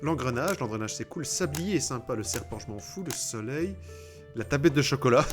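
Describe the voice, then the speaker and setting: A man's voice: medium pitch, lively intonation, fairly quick, faint music behind. Sarcastic man commentating a video game. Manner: sarcastic and joking, swears, reads game text aloud with mocking asides. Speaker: let's play host. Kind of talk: casual gaming commentary.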